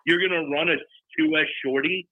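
A man's voice: fairly high pitch, steady tone, no echo, narrow, tinny audio. A man appearing as a guest from a battery company on a casual podcast, ranting hotly and swearing freely. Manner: heated, profane, rapid ranting.

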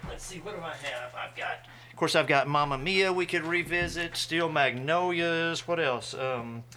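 A man's voice: a little high, normal speed, sharp tone, a little hiss or hum. A man with a Texan accent hosting a show, rambling and self-deprecating in casual chat. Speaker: podcast host.

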